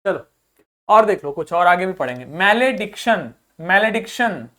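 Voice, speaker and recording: A man teaching a vocabulary lesson, repeating each word several times slowly for learners and mixing English into his Hindi instruction. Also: high-pitched, animated, a bit bright. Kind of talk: vocabulary lesson with pronunciation drills.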